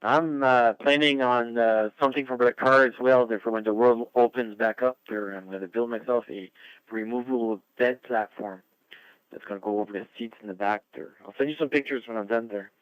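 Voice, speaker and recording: A man's voice: mid-range voice, steady tone, a little fast, clean tone, dry recording, poor audio. A man chatting casually as an amateur radio net controller over a two-way radio, rambling and friendly. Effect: two-way radio transmission.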